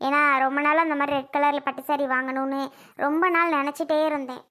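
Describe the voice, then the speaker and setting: A woman putting on the voice of a calm, motherly older woman who gently consoles and reassures others in a family skit. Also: sits high, quick pace, pitched below the performer's own voice. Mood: gentle.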